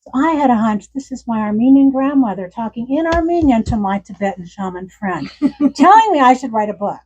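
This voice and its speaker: A woman's voice: on the high side, expressive, fairly quick, highs cut off, slight background noise. A woman in her sixties, an author reading from her memoir and telling stories at a bookstore event, with frequent laughs. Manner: warm storytelling with frequent laughs.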